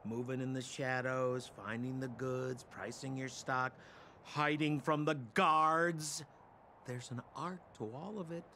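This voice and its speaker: An actor voicing a sly, smooth-talking young male merchant in a game, with wheedling sales patter. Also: medium pitch, fairly even intonation, slow pace, pushed and bright, slight background noise. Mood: smug. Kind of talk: game voice acting.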